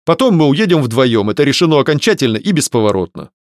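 A man's voice: mid-range voice, sing-song, dry recording, clean studio sound, pitched above the performer's own voice, natural voice. A male narrator voicing a stern older nobleman father who speaks firmly and with authority, in a raised voice. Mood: stern, resolute. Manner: measured, authoritative.

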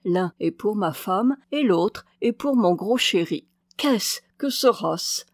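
A woman reading a classic novel aloud as an audiobook, tender and expressive. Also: mid-range voice, slow pace, no room sound, clean studio sound. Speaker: audiobook reader.

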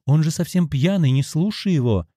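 A man's voice: fairly high pitch, animated, normal speed, warm tone, slightly rough, no room sound, clean studio sound, voice pushed up. A man voicing a frightened young woman who pleads anxiously. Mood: alarmed.

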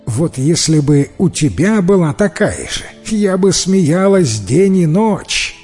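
A man voicing a clever, brave young wife in a storybook tale, lifting his voice higher and speaking emphatically. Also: takes it slowly, breathy edge, long reverb tail, faint music behind, heavily acted. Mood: teasing. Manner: raised pitch, lively and emphatic. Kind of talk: storybook reading.

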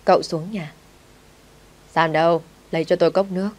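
A woman voicing a spoiled, hot-tempered rich young man who shouts orders, in a storybook reading. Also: fairly low pitch, fairly even intonation, normal speed, natural voice. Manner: shouting, bossy.

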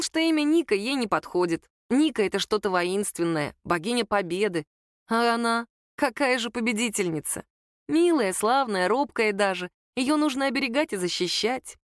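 A woman narrating a story aloud in a steady, intimate manner. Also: medium pitch, dry recording, clean studio sound. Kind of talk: audiobook story reading.

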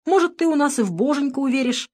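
Storybook brief: a rough, spiteful male partisan, snarling threats in a raised voice, read by a woman. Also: high voice, animated, fast talker, a little mellow, pitched above the performer's own voice. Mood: malicious.

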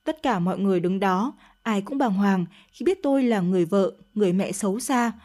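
A woman's voice: mid-range voice, expressive, fairly quick, warm tone. A woman narrating a dramatic first-person story in an emotional, confessional tone.

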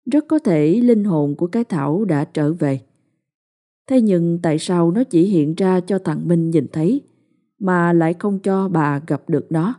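A woman telling a ghost story in a slow, ominous way. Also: fairly low pitch, mellow. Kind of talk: scripted ghost story narration. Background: faint music.

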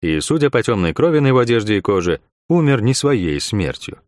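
Expressive male audiobook narrator. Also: on the low side, brisk, no echo, studio quality. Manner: expressive storytelling.

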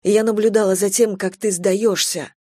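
A woman narrating a novel in first person, reading in a measured, emotional way. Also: medium pitch, fairly even intonation, a little mellow, breathy edge, no echo, studio quality. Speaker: audiobook narrator.

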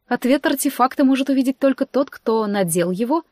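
A woman's voice: sits high, expressive, brisk, no room sound, clean studio sound, voice pushed up. Sneering young necromancer woman, read by a woman. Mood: mocking. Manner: mocking, sharp-tongued. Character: scheming young female necromancer, sneering and haughty.

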